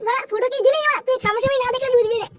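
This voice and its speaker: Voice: very high voice, fairly even intonation, very fast, very noisy. A performer voicing a cocky, foul-mouthed teenage boy who brags and coaxes his friend in a cartoon comedy. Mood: boastful. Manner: crude swearing, boastful, coaxing.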